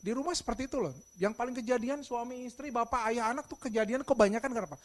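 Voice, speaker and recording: A middle-aged man preaching a sermon, telling stories and acting out dialogue, swinging between soft and loud emphasis. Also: extremely high pitch, fast. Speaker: pastor.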